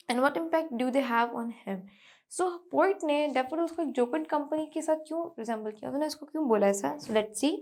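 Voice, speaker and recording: Woman teacher, high voice, slow deliberate reading, addresses the class. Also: a little mellow. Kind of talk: classroom lecture.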